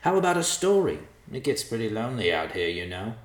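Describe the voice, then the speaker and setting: A man's voice: on the low side, big pitch swings, a little fast, roomy sound, voice pushed up. A man voicing a sly, mocking male talking vulture in a storybook reading, teasing and boastful. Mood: smug.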